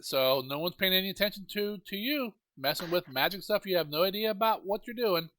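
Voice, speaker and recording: Bright-voiced male game master. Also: sits high, animated, brisk, no room sound. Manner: patient, explains the rules step by step. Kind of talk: narrating and ruling a tabletop game online.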